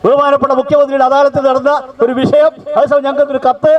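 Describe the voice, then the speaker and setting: A man's voice: very high voice, flat delivery, fast, recorded from a distance, highs cut off, crowd noise. A man giving a fiery, demanding protest speech outdoors. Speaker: union speaker at protest.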